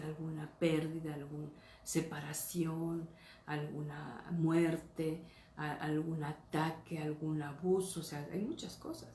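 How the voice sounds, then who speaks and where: A woman's voice: sits low, dark tone, slight background noise. Earnest woman pastor teaching. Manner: earnest, checks in with "¿sí?" and "¿verdad?". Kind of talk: teaching sermon. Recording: roomy echo, faint ambience.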